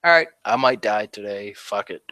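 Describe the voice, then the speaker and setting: In a clean studio with no echo, a man in his thirties with a lowish, sharp voice shares his war experiences as an Army veteran guest. He's expressive and unhurried, rambling with many "like" fillers and laughing at grim moments during the casual interview.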